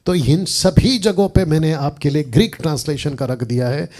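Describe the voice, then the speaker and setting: A man's voice: on the high side, darkish tone. A man giving a Bible lesson, asking pointed questions and mixing English words and verses into his talk. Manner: reads English verses slowly and deliberately; argumentative, asks the audience pointed questions. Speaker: Bible teacher. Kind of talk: Bible teaching in Hindi.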